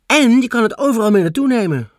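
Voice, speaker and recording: A man voicing a little girl in a storybook reading, with a high, childlike delivery. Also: expressive, fast talker, no echo, studio quality. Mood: eager. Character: little girl, sulky then cheerful.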